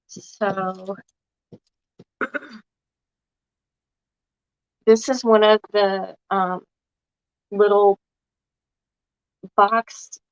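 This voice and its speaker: Froggy from a cold, a craft vlogger chats casually and thinks aloud while walking viewers through a project. Her mid-range voice has no echo, captured in a dull, lo-fi, dry recording.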